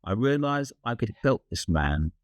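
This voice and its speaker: A man with a British accent, a health coach reading a scripted webinar in a steady, read-aloud way. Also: mid-range voice, unhurried, dry recording, clean studio sound.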